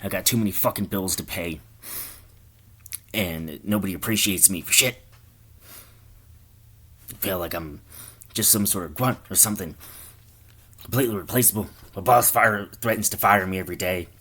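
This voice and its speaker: A man's voice: sits low, normal speed, long pauses, fairly bright tone, breathy edge. A man voicing a stressed, swearing male chain smoker who rants about debt in a weary voice. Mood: griping.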